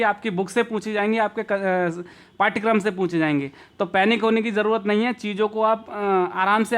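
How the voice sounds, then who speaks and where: Young male teacher from India, high voice, patient exam-prep lecture that rephrases every answer. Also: fairly bright tone. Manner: explains slowly, repeats and rephrases answers, drawn-out examples.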